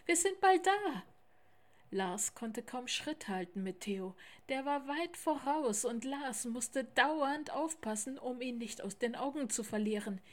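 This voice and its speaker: Female storyteller, children's book, slow measured delivery. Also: a little high.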